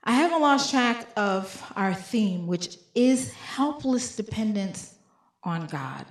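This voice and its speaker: A woman's voice: medium pitch, lively intonation, slow pace, echoey room. A woman giving a sermon, reading scripture aloud with emphatic, rising delivery on repeated lines. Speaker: preacher.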